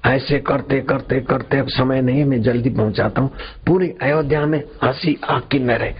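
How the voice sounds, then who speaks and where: A man giving a sermon, telling a religious story in slow, drawn-out phrases with dramatic pauses. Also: mid-range voice, steady tone. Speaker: spiritual preacher. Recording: dull lo-fi recording, faint background noise.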